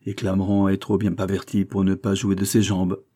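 A man voicing a shrewd, stout detective chief who speaks briskly and with command. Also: low-pitched, completely flat delivery, dark tone.

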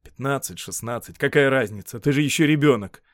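A man reading an audiobook, voicing a brooding, dismissive young Roman man in a low, quiet voice. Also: fairly quick, no room sound, studio quality, natural voice. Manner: low, quiet, curt delivery.

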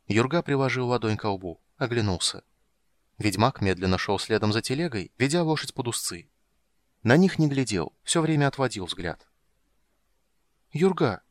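A man narrating an audiobook in a calm, even storytelling manner. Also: medium pitch, normal speed, dry recording.

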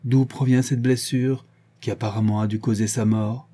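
A man's voice: medium pitch, steady tone, moderate pace, warm tone, husky, natural voice. A man reading an audiobook, voicing a young bourgeois widow who talks in a dry, level tone. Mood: exasperated. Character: widowed young bourgeois wife, cool and composed.

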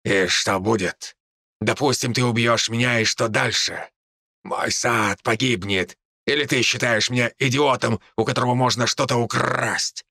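Brief: mocking raven-druid, gravelly and crisp, drawling taunts, a male narrator's put-on voice, audiobook. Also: medium pitch, bright, forceful tone, dry recording, studio quality, full character voice. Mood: scornful. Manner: slow, scornful, taunting.

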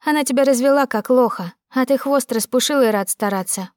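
Woman voicing scornful young daughter, blunt sharp retorts, higher pitched, dry close recording. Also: a little fast, dry recording, lightly acted.

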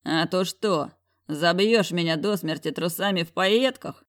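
A woman's voice: lowish voice, unhurried, close to an everyday voice. A woman voicing a huge, brash billionaire boss who teases and orders people around in an audiobook. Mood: mocking. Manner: teasing, bossy, coarse.

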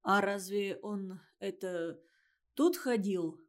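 A woman's voice: medium pitch, slow pace, lightly acted. Simple village boy, hesitant, drawling, woman reader.

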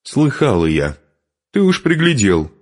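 A man voicing a mocking, quarrelsome young Norse warrior woman in an audiobook, with a husky, sharp-tongued voice. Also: mid-range voice, huge pitch swings, a little slow, voice pushed up, exaggerated voice. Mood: scornful.

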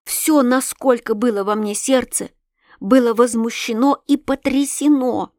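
A woman narrating a novel aloud, telling it with rising feeling. Her voice sits at an ordinary pitch. The sound is dry and close to the mic. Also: measured pace, no echo. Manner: expressive, emotional storytelling. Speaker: audiobook reader. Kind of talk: scripted narration of a classic novel.

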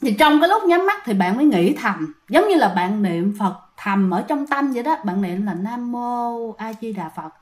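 A woman's voice: medium pitch, very animated, normal speed, few pauses. A woman telling a ghost story in a chatty way, speaking straight to her listeners. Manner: chatty, addresses listeners directly.

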